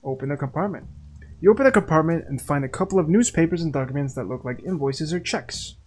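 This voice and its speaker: A man's voice: fairly high pitch, fast talker, a little hiss or hum. A man playing a video game, chatting casually and reading its text aloud. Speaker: gaming video creator. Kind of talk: let's play commentary and reading.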